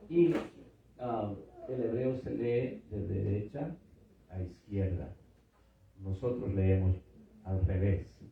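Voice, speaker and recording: A man's voice: fairly low pitch, slight background noise. A middle-aged man teaching a church seminar, patiently repeating words and checking in with his listeners. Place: church hall with audience. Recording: echoey hall from far off, dull.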